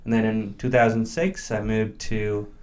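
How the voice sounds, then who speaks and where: A man from India in his early thirties, with a low-pitched voice. He speaks as a guest in a casual conversation, working through his thoughts with fillers and restarts. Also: flat delivery, moderate pace, a little mellow. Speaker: interview guest.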